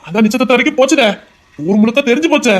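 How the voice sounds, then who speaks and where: An actor playing a stern middle-aged father who scolds his son about marriage in a fast, insistent voice. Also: extremely high pitch, expressive. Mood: scolding. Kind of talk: amateur audio drama.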